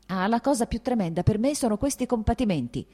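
A woman's voice: on the low side, expressive, fairly quick, mellow. A woman voicing a young, proud and hurt woman who answers sharply and with agitation in a raised voice. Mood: furious.

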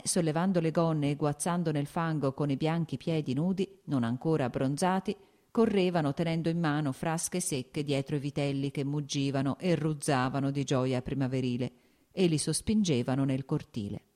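A woman narrating a classic novel in a measured, even storytelling manner. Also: sits low. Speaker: audiobook narrator. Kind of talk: scripted literary narration.

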